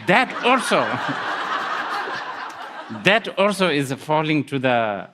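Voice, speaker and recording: A man's voice: fairly high pitch, sing-song, takes it slowly, bright, forceful tone. A man giving a Buddhist dharma talk, musing aloud with laughs and hesitant restarts. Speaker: Buddhist teacher. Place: lecture hall.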